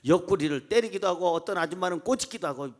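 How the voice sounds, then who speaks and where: A man's voice: sits high, fast. A man preaching a sermon as pastor, acting out voices and leading the congregation in reading aloud. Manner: animated, acts out crowd voices, calls congregation to read along.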